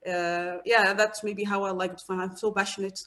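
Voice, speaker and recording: A woman from Egypt, a guest researcher, talking about herself in a casual interview with many pauses and fillers. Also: mid-range voice, level tone, fairly bright tone. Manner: hesitant, many fillers and restarts.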